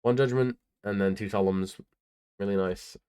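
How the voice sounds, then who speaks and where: A man's voice: lowish voice, steady tone, normal speed, darkish tone, smooth. A tired young man casually talking through his tournament card deck in a laid-back, rambling way, with lots of ums and uhs. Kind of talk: casual deck profile talk.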